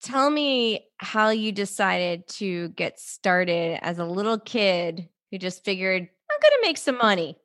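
A woman's voice: medium pitch, very animated, takes it slowly, hardly any pauses, a bit bright. A woman hosting a podcast interview over a video call, chatty and improvising. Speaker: podcast host.

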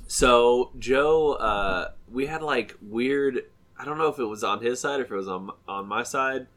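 Speaking a little slowly in a slightly bright mid-range voice, this thirtysomething podcast co-host sounds nasal and stuffed up. His casual chatter wanders, and he often revises what he's just said.

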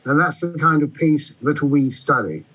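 A man playing a pompous, breezy British army general with a husky voice over a radio link in a comedy. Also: fairly high pitch, expressive, moderate pace, bright, forceful tone, full character voice. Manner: pompous, breezy, clipped, condescending. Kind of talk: comedy radio character acting. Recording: dull radio-like line.

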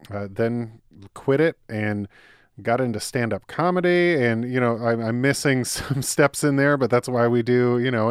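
A man's voice: mid-range voice, clean tone, no echo, clean studio sound. A man hosting a podcast interview, talking casually with lots of fillers, restarts and laughs. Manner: chatty, laughs often, many fillers and restarts. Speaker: podcast host.

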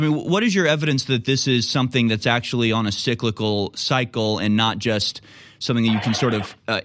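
A man's voice: on the low side, a bit bright, no room sound. An American man hosting a live call-in talk radio show.

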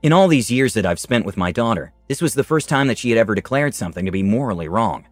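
A man's voice: lowish voice, lively intonation, fast, no room sound, faint music behind. A man narrating his tabletop campaign as a dramatic story.

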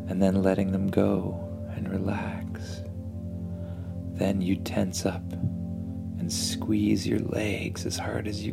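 A man narrating a bedtime story and guided relaxation in a soothing, hushed, unhurried manner. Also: low voice, gravelly.

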